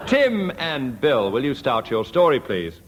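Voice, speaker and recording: A man in the chair of a 1970s radio comedy panel game, calling on players and reading out scores in a brisk, dry way. The old archive recording carries a clear hiss, and his pitch sits in an ordinary middle range. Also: big pitch swings. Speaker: quiz chairman. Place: radio studio with live audience.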